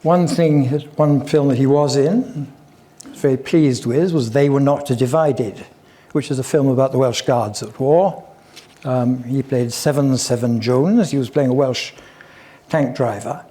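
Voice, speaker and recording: A man's voice: medium pitch, measured pace, dark tone. An older man giving a chatty public talk, full of wry asides and digressions. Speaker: guest speaker at a local history talk.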